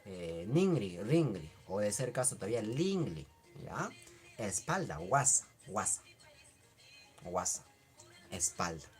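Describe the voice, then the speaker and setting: A man teaching Quechua words in a casual live online class, repeating each word slowly and answering questions from the chat. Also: on the low side, sing-song, faint music behind.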